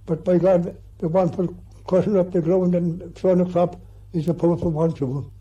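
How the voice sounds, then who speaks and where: A very old man, over a hundred, with a rural County Clare accent and an aged husky voice, reminiscing haltingly in an interview and repeating his words. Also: sits high, level tone, mellow. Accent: rural County Clare Irish. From County Clare, Ireland. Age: over 100, very old. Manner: very old man's halting, repetitive speech. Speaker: interview guest. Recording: muffled 1960s archive interview recording.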